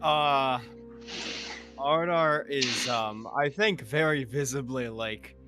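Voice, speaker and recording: A male player in a tabletop role-playing session, talking through his character with frequent pauses and fillers. His voice sits mid-range, and music plays clearly in the background. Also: mid-range voice. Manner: hesitant, filler-heavy.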